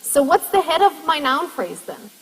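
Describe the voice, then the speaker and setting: In a lecture hall with a long echo, a woman lecturer with a high, slightly bright voice talks at normal speed, her pitch rising and falling widely. She breaks the topic down step by step and throws questions out to the class.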